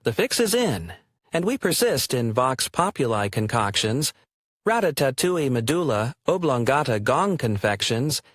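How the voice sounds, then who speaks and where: A man's voice: medium pitch, sing-song, measured pace, a bit bright, no room sound, clean studio sound. A man performing a dense, rhyming spoken word poem with sardonic wordplay and a sing-song delivery.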